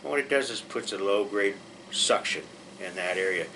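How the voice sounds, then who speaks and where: A man's voice: fairly low pitch, normal speed, pushed and bright, a little hiss or hum, rough recording. A man teaching a pre-surgery class, explaining things in a plainspoken, reassuring way with frequent restarts. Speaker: patient educator.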